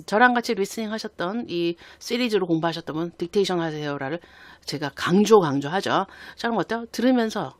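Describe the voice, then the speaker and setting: A man's voice: high-pitched, dry recording. A man giving a recorded lesson as an IELTS instructor, often stopping to ask his listeners rhetorical questions. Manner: lively teaching, frequent rhetorical questions. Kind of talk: recorded lecture.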